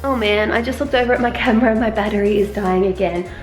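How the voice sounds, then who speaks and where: A young woman chatting casually to camera in her apartment, self-deprecating and relaxed. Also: mid-range voice, quick pace, music in the background. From Australia. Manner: chatty, self-deprecating, talks with mouth full while tasting. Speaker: lifestyle vlogger. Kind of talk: casual vlog chat. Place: small apartment indoors.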